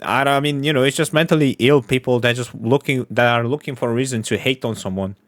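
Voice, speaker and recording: A man's voice: medium pitch, quick pace, no room sound. Blunt swearing man, dry close sound. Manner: blunt, profane, agreeing. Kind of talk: casual chat.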